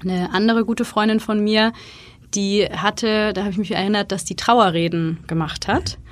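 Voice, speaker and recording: A woman's voice: mid-range voice, steady tone, moderate pace. A woman guest in a casual interview, chatting freely and acting out little quoted exchanges as she tells her stories. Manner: chatty storyteller, acts out quoted dialogue. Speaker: guest, freelance consultant and wedding speaker.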